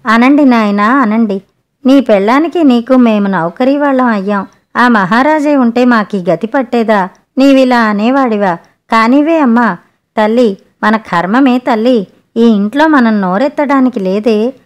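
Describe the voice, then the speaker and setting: A sharp-tongued grumbling mother-in-law, read by a woman. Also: fairly high pitch, a little slow, lightly acted. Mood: self-pitying. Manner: scolding, complaining.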